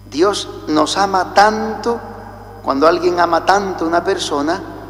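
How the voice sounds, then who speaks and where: A priest from Spain with a Spanish accent, chanting the liturgy and then preaching a slow, deliberate homily, heard with a cathedral echo. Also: male voice, on the high side, a little hiss or hum. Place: large church. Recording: echoey church with long reverb.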